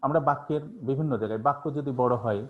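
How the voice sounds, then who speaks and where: A man speaks quickly at medium pitch while teaching an online class. The sound is tinny, like a phone call, and he uses many fillers as he asks and answers his own questions.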